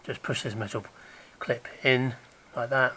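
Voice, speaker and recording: Working on an engine in his garage, a DIY car repair vlogger gives a casual, hands-on how-to, chatting along and slipping into a mutter as he goes. His voice is croaky from a recent illness, medium in pitch with a sharp tone. He keeps his intonation fairly even and his pace measured.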